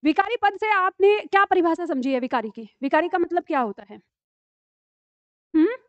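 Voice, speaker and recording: A woman's voice: very high voice, expressive, moderate pace, dry recording, highs cut off. A woman teacher giving a live classroom lecture, patiently explaining spelling tricks and asking her students questions. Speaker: Hindi teacher.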